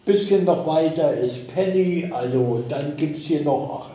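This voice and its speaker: A man in his sixties, a resident chatting in a group conversation, slow and deliberate. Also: a little high, mellow. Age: 60s. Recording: echoey room.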